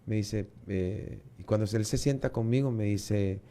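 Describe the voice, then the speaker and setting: A man with a Guatemalan Spanish accent giving a lively personal testimony in an interview, acting out the dialogue and often repeating words. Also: lowish voice, a little slow. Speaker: guest.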